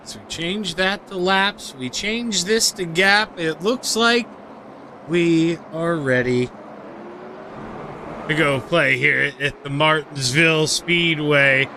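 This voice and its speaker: A middle-aged man calling sim racing laps as play-by-play commentator, excitable and fighting the hiccups. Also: a little high, a little hiss or hum. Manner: excitable, rises to shouts on quick laps. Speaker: race commentator.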